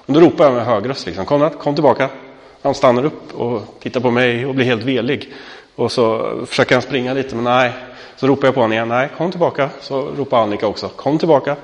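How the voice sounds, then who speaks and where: A pastor in his thirties preaches in a loose, conversational manner, with lots of small fillers and direct questions to his listeners. His voice sits at a middling pitch for a man. The sound rings with the long reverb of a large hall. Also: fairly even intonation. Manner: conversational, many fillers, asks the congregation questions. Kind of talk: sermon.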